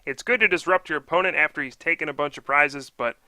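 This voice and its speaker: Very bright, smooth male analyst commentator. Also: on the high side, fast talker, dry recording. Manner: analytical, upbeat, explains plays. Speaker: card game commentator. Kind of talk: live game commentary.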